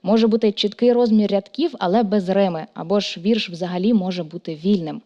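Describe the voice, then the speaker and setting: A woman narrating a program in a scripted voice-over, reading smoothly and evenly. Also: mid-range voice, fairly even intonation, fairly quick, mellow, muffled recording.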